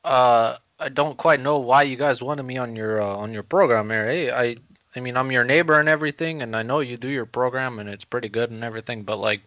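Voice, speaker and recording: A man's voice: medium pitch, brisk, sharp tone, dry recording, highs cut off, close to an everyday voice. A man playing a mild-mannered, bewildered neighbor as a talk show guest, hesitant, stammering and folksy in an improvised comedy interview. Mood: bashful.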